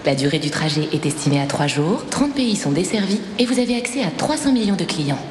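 A woman's voice: on the low side, big pitch swings, a little fast, a little mellow, a little hiss or hum. A woman playing an airport announcer making a formal announcement over a public-address system in a radio ad. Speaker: ad voice actor. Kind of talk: radio advertisement. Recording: echoey hall reverb with music.

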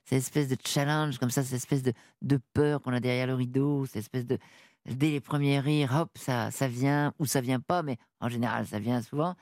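Woman, 60s, from northern france, radio guest, lively, halting, dry studio sound. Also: a bass voice, no echo. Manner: lively, halting, full of restarts. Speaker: interview guest. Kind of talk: radio interview.

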